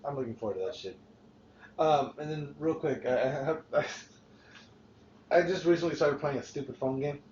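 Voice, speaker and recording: A man's voice: a little high, normal speed, long pauses, darkish tone, slight background noise. A man hosting a casual podcast chat, rambling and swearing freely with frequent restarts. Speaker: podcast host. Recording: roomy, dull lo-fi podcast recording.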